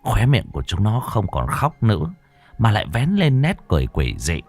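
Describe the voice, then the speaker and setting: Expressive man narrating a ghost story. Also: moderate pace. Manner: dramatic, highly expressive, many character voices.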